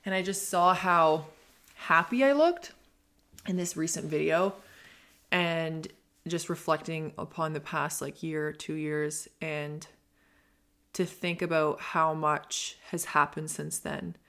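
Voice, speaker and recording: A woman's voice: low-pitched, slow, a bit bright. A woman in her twenties hosting a solo podcast, talking in an earnest, reflective and rambling way with many fillers. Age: 20s. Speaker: podcast host. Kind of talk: casual solo podcast monologue.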